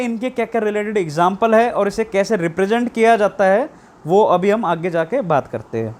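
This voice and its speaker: A man teaching shorthand online, explaining slowly and repeating key terms as questions. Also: high voice. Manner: drawn-out stress on English terms. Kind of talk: online lesson.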